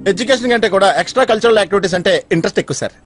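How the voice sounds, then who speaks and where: An actor playing a comic sidekick who protests and boasts under police questioning. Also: male voice, high-pitched, rapid-fire. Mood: boastful. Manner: bewildered, protesting, self-praising. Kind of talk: film comedy acting.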